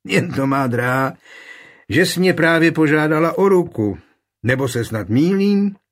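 A man playing a blunt, warm-hearted village man who speaks firmly with a teasing edge. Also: on the high side, lively intonation, voice pushed up, natural voice.

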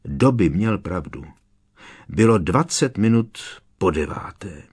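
A man reading a novel aloud as an audiobook narrator, in an expressive, dramatic way. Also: sits low, husky. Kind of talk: scripted narration.

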